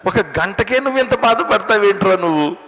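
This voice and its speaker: A man voicing a weary god who scolds in a low, slow, grumbling voice, with long hall reverb. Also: expressive, fairly bright tone. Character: weary god, fed up with loud devotions.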